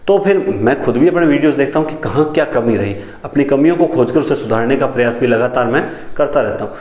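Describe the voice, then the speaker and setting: A man teaching a lesson, who repeats key phrases back as questions and sometimes talks fast enough that his words tangle. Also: mid-range voice, expressive, darkish tone, echoey room. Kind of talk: classroom lecture on teaching methods.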